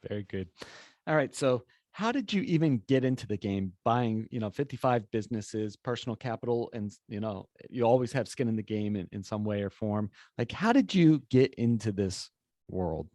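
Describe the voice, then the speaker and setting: A man's voice: lowish voice, animated, moderate pace, a little mellow, no room sound. A man hosting a podcast interview, asking questions in a casual, encouraging way. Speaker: podcast host. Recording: dry close sound.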